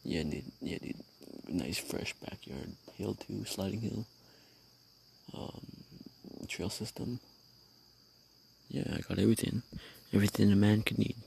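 A man's voice: lowish voice, a little slow, creaky, a little mellow, slight background noise. A man hosting his own show, telling a rambling, profane story in casual slang while sitting outdoors at night. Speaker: podcast host.

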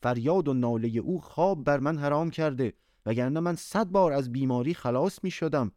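A man's voice: fairly high pitch, a little mellow, no room sound, pitched above the performer's own voice, close to an everyday voice. Man doing a solemn king, sad heavy delivery, dry close sound. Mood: mournful. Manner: grave, solemn storybook speech. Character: stern king disguised, speaking sorrowfully.

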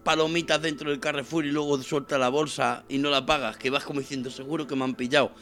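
A man with a Spain Spanish accent, co-hosting a casual comedic podcast, telling stories that swing from muttered asides to shouts. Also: mid-range voice, steady tone, fast talker, faint music behind. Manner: storytelling with big swings from mumbling asides to shouting. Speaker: podcast co-host.

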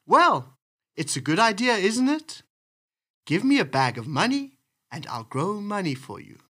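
A man's voice: high voice, big pitch swings, measured pace, a bit bright, pitched above the performer's own voice, full character voice. A man voicing a sly, lazy male trickster rabbit in a storybook reading, in a cheeky, wheedling way.

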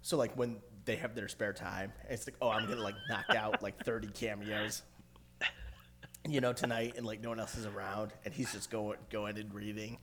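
A man's voice: lowish voice, fairly even intonation, moderate pace, a bit bright, slight background noise. A man co-hosting a podcast, telling a story casually and acting out the lines he quotes. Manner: storytelling banter, acts out quotes. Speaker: podcast co-host. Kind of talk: casual chat.

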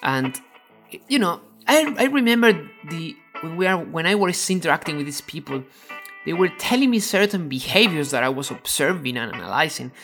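Spanish-accented podcast host explaining calmly. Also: mid-range voice, normal speed, soft background music. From Spain. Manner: explanatory, often restarts and repeats words while finding the phrasing. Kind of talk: educational podcast monologue.

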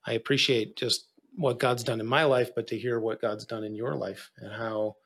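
A man's voice: medium pitch, level tone, moderate pace, a bit bright. A man hosting a podcast, affirming his guests and encouraging listeners in a preacher-like way. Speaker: podcast host. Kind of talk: casual podcast conversation.

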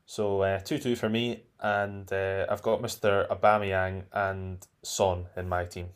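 A man on a football podcast giving a measured, hopeful prediction. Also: low voice, little pitch movement, clean tone. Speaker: podcast panelist. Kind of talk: casual football chat.

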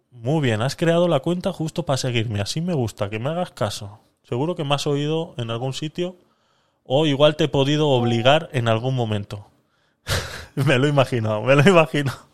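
A man hosting a live-stream podcast, chatting casually with viewers while he talks himself through a giveaway. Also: mid-range voice. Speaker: livestream podcast host.

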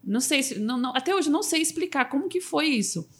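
A woman's voice: high voice, animated, fast. A woman, a motivational speaker, telling a personal story in a casual podcast interview, with emotional restarts. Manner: emotional storytelling, restarts and fillers like "sabe assim".

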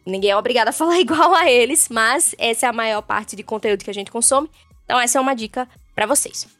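A woman's voice: on the high side, quick pace, a bit bright, no echo, faint music behind. A Brazilian woman who teaches English, giving a chatty podcast lesson and dropping English terms into her explanations. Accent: Brazilian Portuguese.

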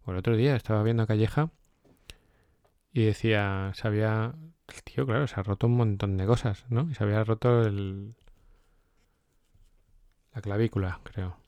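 A man hosting a casual chat about a book, telling anecdotes with lively quoted asides. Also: lowish voice, moderate pace, long pauses, smooth, dry recording. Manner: animated, storytelling with quoted asides.

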